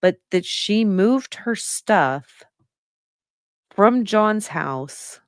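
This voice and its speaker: A woman's voice: medium pitch, animated, very slow, clear, resonant tone, no room sound, clean studio sound. A woman giving casual spoken commentary, opinionated and reasoning her points aloud step by step. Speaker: true-crime commentator.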